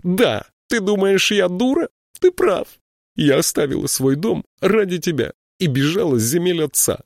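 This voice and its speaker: A man voicing a proud, furious young woman who pleads and shouts in a raised voice. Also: mid-range voice, sing-song, unhurried, no room sound, clean studio sound, voice pushed up. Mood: shouting despair.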